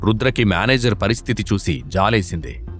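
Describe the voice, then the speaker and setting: A man's voice: fairly low pitch, very animated, moderate pace, faint music behind. A man narrating an action audio series in a vivid, dramatic storytelling way.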